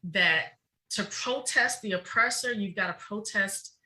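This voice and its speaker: A middle-aged woman, a researcher appearing as a guest on a podcast interview, speaks passionately and emphatically in a fast flow. Her mid-range voice sounds pushed and bright, and the recording is rough.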